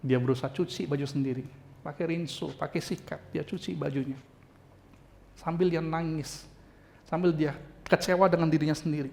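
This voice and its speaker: A male pastor delivering a sermon with an expressive, heartfelt storytelling manner. His voice sits fairly high for a man, and he often turns to address his listeners directly. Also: moderate pace, gravelly, long pauses.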